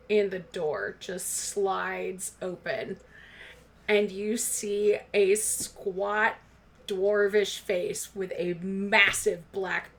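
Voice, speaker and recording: A woman's voice: mid-range voice, creaky. A woman narrating a tabletop game as game master, describing scenes and slipping into casual chat.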